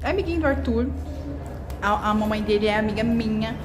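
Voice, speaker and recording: A woman's voice: medium pitch, fairly quick. A young woman hosting a casual home vlog, bubbly and sing-songy as she talks with small children. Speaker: vlogger host. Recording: echoey room with background noise.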